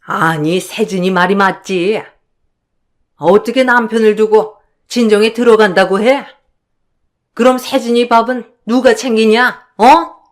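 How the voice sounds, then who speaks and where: A woman's voice: on the high side, fairly even intonation, measured pace, lightly acted. A woman voicing a reproachful older mother-in-law in a radio drama.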